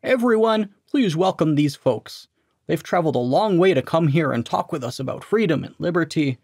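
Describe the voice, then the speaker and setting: A man voicing an earnest, simple-minded man who greets people loudly in a hearty, bellowing way. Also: a little high, lively intonation, moderate pace, no echo, studio quality, voice pushed up. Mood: hearty welcome.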